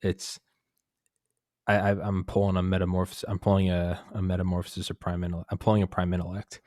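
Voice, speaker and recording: A man's voice: deep voice, monotone, quick pace, darkish tone, dry recording, clean studio sound. A man in his thirties, hosting a casual podcast chat, who keeps repeating phrases he has just said. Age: 30s. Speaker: podcast host. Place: new apartment room with bare walls.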